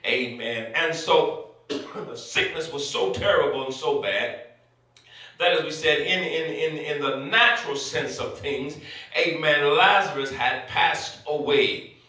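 A man's voice: on the high side, measured pace, pushed and bright. Man preaching at a pulpit microphone. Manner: punctuates phrases with frequent amens. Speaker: bishop preaching. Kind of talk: sermon. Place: church sanctuary. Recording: echoey church sanctuary, mic at a distance.

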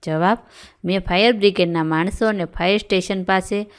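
A woman's voice: medium pitch, normal speed, clean tone. A woman with a Gujarati accent, reading a story aloud as a teacher and then going through the question-and-answer exercise for schoolchildren.

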